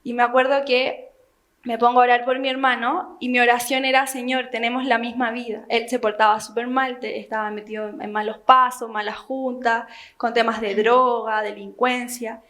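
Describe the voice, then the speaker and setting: A young woman telling her personal testimony to a church group, earnest and halting, with frequent fillers. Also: on the high side, flat delivery, fairly bright tone. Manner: earnest storytelling with many fillers. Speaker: church member giving testimony.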